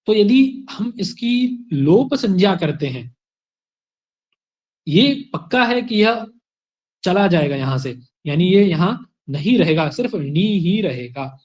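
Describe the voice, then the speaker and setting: A man's voice: sits high, very animated, takes it slowly, darkish tone, dull audio. A man teaching a Sanskrit grammar class online, explaining step by step and answering his own questions. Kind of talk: online exam-prep lecture.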